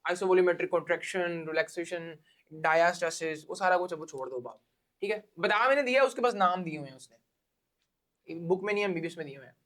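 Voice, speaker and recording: Pitched high and slightly bright, a Pakistani-accented man moves at a moderate pace through an informal biology class aimed at exam takers. He lays out each step, circles back to key ideas, and checks that his listeners understand.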